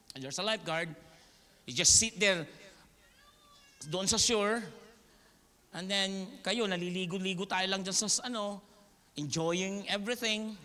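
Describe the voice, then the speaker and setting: A Filipino-accented male pastor delivers an animated, joking sermon. His voice is high, bright and swings widely in pitch. It carries through a reverberant hall. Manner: animated, joking, mixing English and Tagalog.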